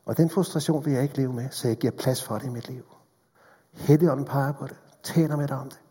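A man preaching a sermon in a church hall, earnest and pleading, moving between hushed and urgent delivery. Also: mid-range voice, slightly rough. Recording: long reverb of a large hall.

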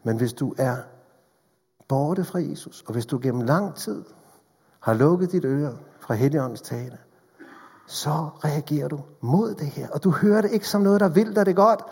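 A man preaching a sermon in a church, earnest and direct, swinging between fervent appeals and hushed, intimate passages. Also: mid-range voice, vocal fry, husky. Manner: earnest, rises to fervent appeals then drops to hushed tones. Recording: long hall reverb.

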